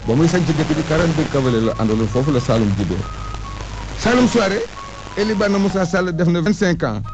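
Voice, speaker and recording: With music playing behind muffled, lo-fi audio, a man with a fairly high, fairly quick voice talks as an oral historian. He recounts history and strings of names in an emphatic, recitational way.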